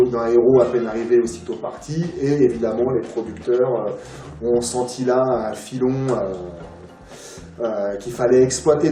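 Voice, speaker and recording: A man talks as an interview guest, rambling and pausing often. His tone is mellow and low-key. He sounds distant from the mic in a roomy space, with faint music underneath. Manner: rambling, many filler sounds and restarts. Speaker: interview guest, film collector. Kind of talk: casual interview.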